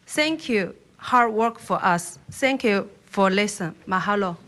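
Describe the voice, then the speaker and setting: A woman's voice: mid-range voice, animated, background noise. Earnest woman with a Chinese accent. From China. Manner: earnest, pleading, halting non-native phrasing. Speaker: public testifier. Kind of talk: public testimony. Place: state capitol hearing room.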